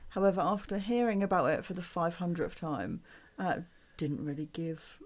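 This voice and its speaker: A woman's voice: on the low side, moderate pace. Woman cohost, dry and kinda bored, blunt. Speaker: podcast co-host. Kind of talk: casual chat.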